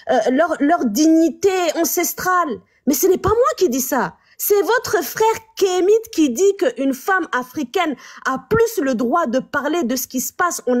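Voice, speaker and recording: This live-stream host has a high-sitting voice. She reacts to clips with animation, tossing rhetorical questions to her viewers.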